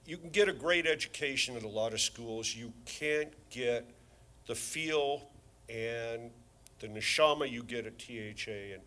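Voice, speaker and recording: A man's voice: medium pitch, a little slow, bright, forceful tone. A man introducing a speaker at a school graduation in a heartfelt manner. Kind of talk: ceremony introduction.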